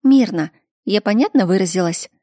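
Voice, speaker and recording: A woman reading a story aloud, voicing a brisk, practical older sister who speaks firmly. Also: mid-range voice, animated, warm tone, no room sound, studio quality, natural voice.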